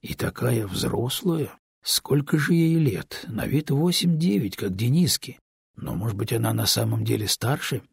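A gentle middle-aged father, careful and measured, as a man reads him. His voice is husky and gravelly in a dry, close storybook recording. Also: medium pitch, expressive, no echo, exaggerated voice. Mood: musing.

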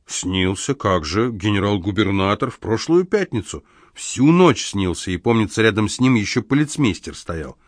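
A male reader voicing a confident, smooth-talking young con man in a cool, good-natured, unhurried way. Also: fairly low pitch, big pitch swings, no echo, clean studio sound.

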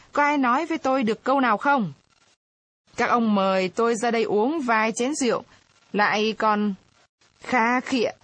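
A woman's voice: mid-range voice, husky, dry recording. A woman reading aloud, voicing a drunk and quarrelsome old former village chief who talks belligerently. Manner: belligerent, shouting.

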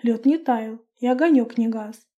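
A woman narrating a first-person fantasy audiobook with a lively, expressive reading. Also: a little high, moderate pace, muffled recording.

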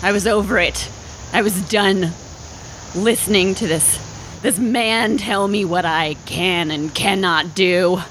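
A woman telling an improvised comic story in a halting, dramatic way, often repeating phrases. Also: medium pitch, a bit bright, a little hiss or hum, low-quality recording.

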